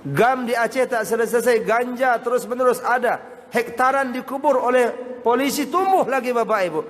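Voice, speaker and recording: A man's voice: very high voice, moderate pace, a bit bright. A male Islamic preacher giving a sermon, constantly addressing his audience as sir and madam. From Indonesia. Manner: addresses the audience constantly as Pak and Bapak Ibu. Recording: hall reverb with faint noise.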